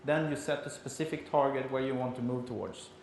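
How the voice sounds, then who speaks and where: A man's voice: medium pitch, fairly even intonation, brisk. Swedish-accented man presenting in an echoey room. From Sweden. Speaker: conference speaker. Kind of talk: conference presentation. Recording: very echoey room, faint background noise.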